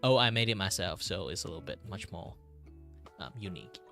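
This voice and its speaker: A man chatting casually as a streamer, rambling and halting as he repeats his phrases. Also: deep voice, animated, creaky, sharp tone, soft background music. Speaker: VTuber streamer. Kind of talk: casual livestream chat.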